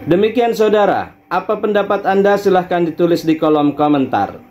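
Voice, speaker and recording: A man giving a soft, polite, formal sign-off as the channel host. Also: high voice, lively intonation, moderate pace, muffled recording, a little hiss or hum. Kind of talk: formal closing address.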